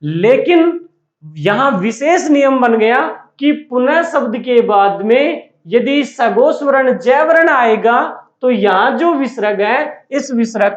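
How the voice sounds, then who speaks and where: A man teaching a grammar lesson to a class, asking questions and answering them himself and repeating the key words. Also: extremely high pitch. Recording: dull, echoey room recording.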